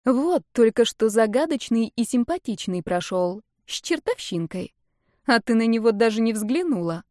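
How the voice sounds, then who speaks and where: An excitable young woman in a spoken story, teasing and direct, firing blunt questions, as a woman reader voices her. The voice sits a touch higher than the narration. The sound is close and dry. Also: moderate pace, dry recording, natural voice.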